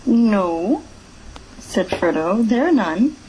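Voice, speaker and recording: A woman reading the part of a nervous young male hobbit, with high, wavering questions. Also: big pitch swings, slow, warm tone, slight background noise, low-quality recording. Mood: plain. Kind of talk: amateur read-aloud character voice.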